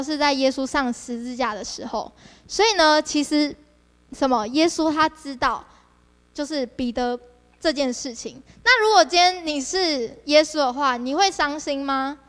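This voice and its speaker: High-pitched and ringing with a long reverb tail, a young woman delivers a sermon at a youth service in her role as district leader. Her style is animated, full of rhetorical questions aimed at the listeners.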